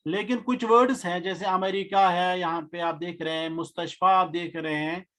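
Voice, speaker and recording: A man teaching a grammar lesson in a patient way, saying key terms slowly and more than once. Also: sits high, steady tone, fairly bright tone. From India. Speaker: Arabic teacher.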